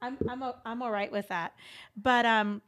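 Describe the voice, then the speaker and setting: Lively animated woman co-host chatting. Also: a little high, normal speed. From Los Angeles. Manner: animated, mimics accents, laughs often. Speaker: podcast co-host. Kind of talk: casual chat.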